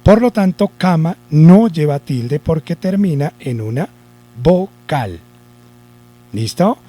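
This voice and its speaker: A male teacher giving a spelling lesson to children, deliberate, repeating the rules and asking himself questions. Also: fairly high pitch, lively intonation, warm tone, no echo.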